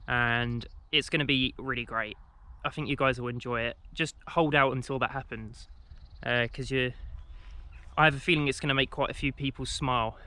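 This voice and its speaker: A man's voice: mid-range voice, fairly even intonation, moderate pace, pushed and bright, smooth. A young man from England walking outdoors and chatting to a handheld camera, rambling with many ums and restarts. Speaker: walking vlogger. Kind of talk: casual talk to camera while walking. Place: outdoors on a country walk.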